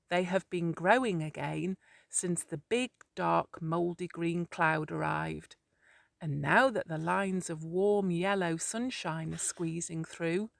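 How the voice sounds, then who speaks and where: Storybook figure: a kindly old-soul woodpecker, soothing and slow, read by a woman. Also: fairly low pitch, gravelly, no echo, studio quality, heavily acted. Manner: soft, kindly, reassuring. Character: wise gentle woodpecker, male.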